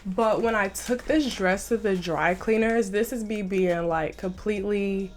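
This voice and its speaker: A young fashion vlogger with a slight cold and a stuffy nose chats enthusiastically to camera in a casual video. Her mid-range voice is unhurried, and she says "like" a lot.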